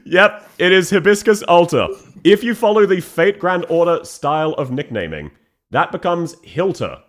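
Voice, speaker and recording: A man's voice: high voice, animated, moderate pace. A man hosting a quiz game with casual, teasing and playful banter.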